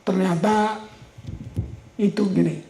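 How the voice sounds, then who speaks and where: Gravelly man preaching in roomy hall. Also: sits high, fairly even intonation, takes it slowly, mellow. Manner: storytelling, repeats words for emphasis. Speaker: pastor. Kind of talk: sermon. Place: church hall. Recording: roomy church hall echo.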